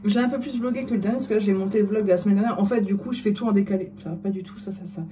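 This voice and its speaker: A woman's voice: mid-range voice, racing, mellow, a little hiss or hum. A middle-aged woman chatting casually in her vlog, self-mocking and hesitant, often trailing off with fillers. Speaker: vlogger.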